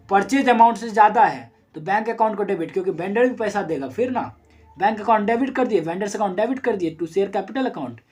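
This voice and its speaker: A husky, darkish mid-range voice belongs to a commerce teacher recording a lesson. Step by step, with worked numerical examples, the teacher explains directly to students, posing and answering questions and correcting mid-sentence.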